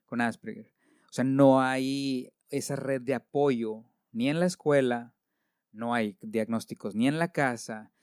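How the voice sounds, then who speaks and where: A man's voice: mid-range voice, darkish tone, clear, resonant tone, no echo, studio quality. A man with a Mexican accent, a teacher hosting a podcast, talking informally and jumping in with questions. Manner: chatty, informal, jumps in with questions. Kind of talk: casual conversational interview.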